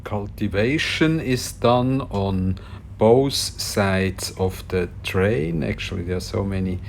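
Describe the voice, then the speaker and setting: A man giving casual travel vlog commentary in a halting, deliberate way, often pausing mid-sentence. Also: on the low side, lively intonation. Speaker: vlog host. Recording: clear background noise on location. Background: ambient noise.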